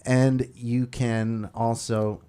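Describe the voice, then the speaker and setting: A man's voice: medium pitch, level tone, very slow, warm tone, smooth. A man hosting a morning radio show, easygoing and playful as he talks with a guest. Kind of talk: radio interview. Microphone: radio studio microphone.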